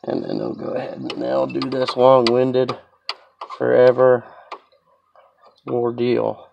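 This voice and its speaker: Slow and animated, a man with a mid-range voice full of vocal fry and a darkish tone talks through a car repair in a yard on a slope. He has a stuffy, sniffly cold and keeps things chatty, rambling and self-deprecating in this casual home mechanic's how-to. The highs are cut off and there's slight background noise.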